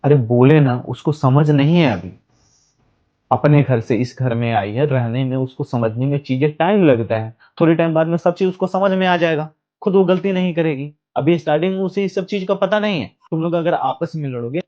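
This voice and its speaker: A man's voice: a little high, darkish tone, natural voice. A man playing an elder brother who scolds his wife and sister-in-law for fighting, in an amateur family drama. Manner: lecturing, scolding. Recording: dull lo-fi sound with faint music.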